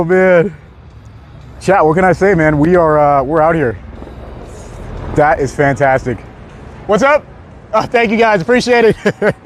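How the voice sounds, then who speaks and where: Easygoing young male streamer, a bit high-pitched, talking to chat outdoors with light street noise behind. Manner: laid-back, laughs often, reads chat aloud. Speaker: live streamer. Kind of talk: casual live-stream chat.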